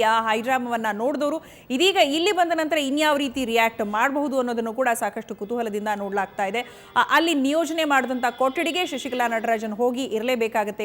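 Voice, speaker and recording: A woman's voice: on the high side, fairly bright tone. A woman news anchor with a Kannada accent giving live breaking-news commentary, repeating updates urgently with frequent fillers.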